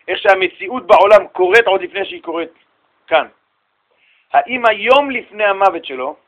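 A middle-aged man from Israel giving a lively storytelling sermon as a rabbi, acting out voices and bantering with his listeners. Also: high voice, phone-quality sound. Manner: animated, acts out voices and shouts in stories, banters with listeners. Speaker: rabbi giving a Torah lesson.

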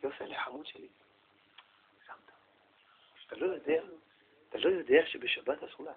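A man playing a soft syrupy dad. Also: a little high, fairly even intonation, phone-quality sound, a little hiss or hum, pitched below the performer's own voice, lightly acted. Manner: sweet, hushed and coaxing. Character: falsely gentle, soft-spoken father.

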